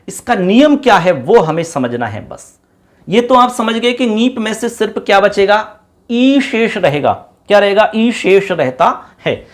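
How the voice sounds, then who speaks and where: A male teacher explaining a lesson to students, repeating each word and quizzing them as he goes. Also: high voice. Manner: repeats words, quizzes the class; sings a line of a song.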